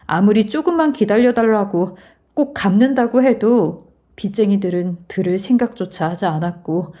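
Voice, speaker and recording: Mellow-voiced woman telling a first-person story. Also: fairly high pitch.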